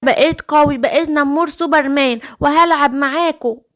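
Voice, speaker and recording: A woman's voice: sits high, brisk, natural voice. A woman doing a little pleading tiger cub. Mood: excited. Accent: Egyptian Arabic. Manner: pleading, sad. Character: small weak male tiger cub.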